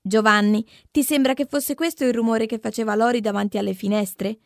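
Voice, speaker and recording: Woman voicing a calm teacher lady, coaxing the kids, bit high voice. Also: a little fast, gravelly, dry recording, clean studio sound, soft background music. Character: calm patient female schoolteacher.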